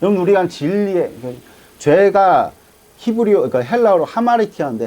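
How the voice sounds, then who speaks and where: A man's voice: high-pitched, darkish tone, low-quality recording. A man preaching a sermon as pastor, asking the congregation questions and answering them. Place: church sanctuary.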